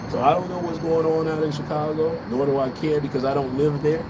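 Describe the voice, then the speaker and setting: Brisk and level in tone, a fairly high-voiced American man rants casually about politics to his livestream viewers. He's blunt and profane and repeats phrases for emphasis, speaking from an outdoor urban balcony amid loud vehicles and street ambience.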